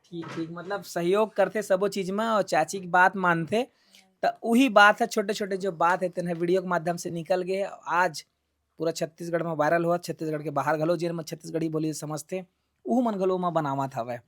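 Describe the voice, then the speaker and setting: A woman interviewer with a Chhattisgarhi accent speaks in an easy, conversational way. She patiently coaxes a shy child, repeating simple instructions in a gentle voice. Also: fairly low pitch, normal speed. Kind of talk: casual street interview.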